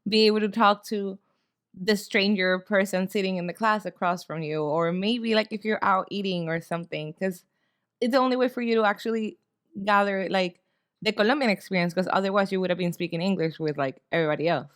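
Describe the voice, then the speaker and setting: A woman podcast host, native Spanish speaker with a South American Spanish accent, talking quickly and laughing often. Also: mid-range voice, steady tone. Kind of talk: casual interview chat.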